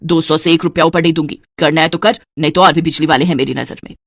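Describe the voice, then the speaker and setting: A woman's voice: low-pitched, fairly even intonation, fast, no room sound. A woman voicing a stingy, scheming old mother-in-law in a cartoon, with a scolding, penny-pinching manner.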